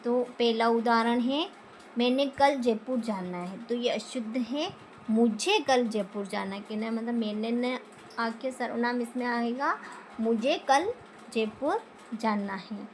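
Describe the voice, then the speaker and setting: A woman's voice: a little high, slow pace, a little hiss or hum. A woman teaching a grammar lesson for exam preparation, reading out each wrong sentence and then repeating the corrected one.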